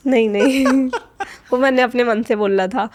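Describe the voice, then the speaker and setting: A woman's voice: fairly high pitch, unhurried. A young woman, a fashion design student, telling her story in a podcast interview, hesitant and full of fillers, her voice choked up as if near tears. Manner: hesitant, many fillers and restarts.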